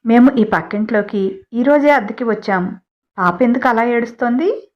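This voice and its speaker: A woman's voice: a little high, moderate pace, lo-fi sound, pitched above the performer's own voice, close to an everyday voice. A woman voicing a kind middle-aged mother who asks practical, concerned questions, in a storybook reading.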